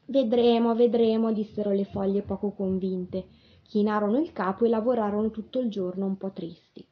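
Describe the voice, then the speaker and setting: A woman reading a children's storybook aloud on the radio, with gentle, expressive narration. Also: medium pitch, fairly quick. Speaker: reader. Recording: dull lo-fi radio broadcast with faint music.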